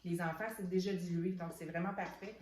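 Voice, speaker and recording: A woman's voice: lowish voice, fairly even intonation, fairly quick, a little mellow, a little hiss or hum. A woman with a Québécois accent chatting casually as she presents products, with lots of fillers and restarts. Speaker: soap shop owner presenting products. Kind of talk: casual product unboxing chat. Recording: echoey room.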